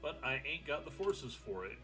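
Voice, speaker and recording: A man's voice: medium pitch, very animated, normal speed, over music. A young man streaming a strategy game, thinking aloud in casual, rambling commentary with the odd swear.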